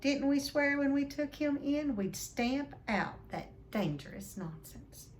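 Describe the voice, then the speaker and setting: A woman's voice: high-pitched, animated, takes it slowly, slight background noise, voice pushed up. A woman voicing a blustering, bullying middle-aged uncle who barks and snaps, in a storybook reading. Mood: agitated, decisive. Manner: barking, snapping, muttering wildly.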